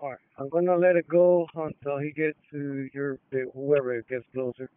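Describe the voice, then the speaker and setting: A man's voice: fairly high pitch, flat delivery, moderate pace, smooth. Man on a tinny police radio. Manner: clipped, reads plates in phonetic code. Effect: heard over a two-way police radio. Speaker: police officer. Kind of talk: radio dispatch chatter. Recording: tinny, dry two-way radio.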